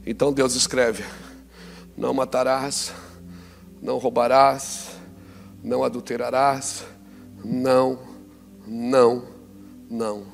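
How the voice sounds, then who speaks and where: A man preaching a sermon, swinging between loud exclamations and quiet, low passages. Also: big-room sound.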